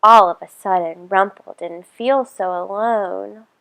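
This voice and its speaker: In an unhurried, mid-range voice with some creak, a woman reads a children's story aloud expressively. The audio quality is poor.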